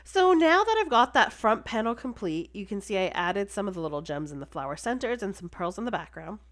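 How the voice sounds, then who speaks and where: A woman's voice: mid-range voice, sing-song, brisk. Stuffy-nosed woman narrating a craft tutorial. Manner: chatty and enthusiastic. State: stuffy, congested. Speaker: card-making crafter. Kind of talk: casual crafting tutorial voice-over.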